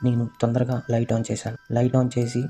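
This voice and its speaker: Monotone male horror narrator. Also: mid-range voice, a little fast, soft background music. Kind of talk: first-person scripted horror narration.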